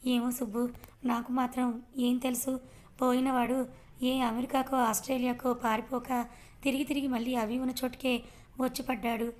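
A woman's voice: a little high, flat delivery, normal speed, a little mellow, lightly acted. A woman voicing a scheming greedy woman.

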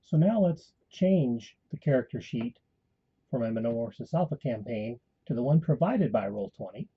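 A man calmly giving a step-by-step voice-over tutorial for a tabletop game tool. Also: medium pitch, moderate pace, husky, phone-quality sound. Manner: calm step-by-step instruction. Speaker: tutorial host and game master. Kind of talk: screen-recorded software tutorial.

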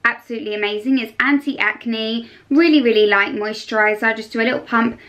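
A young adult woman beauty vlogger chats enthusiastically and emphatically to camera in a casual skincare review from a small furnished bedroom. Her voice is on the high side, a bit bright, brisk and steady in tone.

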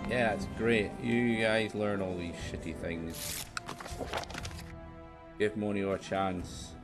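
A man's voice: fairly low pitch, steady tone, takes it slowly, music in the background. A man giving casual let's-play commentary, rambling and thinking aloud with the odd swear word. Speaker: game streamer.

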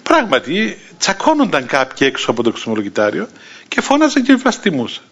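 A man's voice: on the high side, breathy edge. A man in his sixties with a Cypriot Greek accent, an Orthodox bishop telling a story in a sermon and acting out the voices of the people in it. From Cyprus. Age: 60s. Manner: lively anecdotal telling, acting out quoted voices, chuckling. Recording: dull lo-fi recording.

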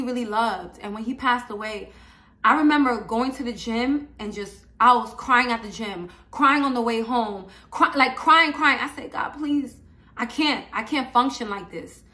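Woman vlogger; high, bright voice; emphatic testimony, repeats phrases. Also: unhurried. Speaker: vlogger giving advice. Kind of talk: personal testimony and faith advice.

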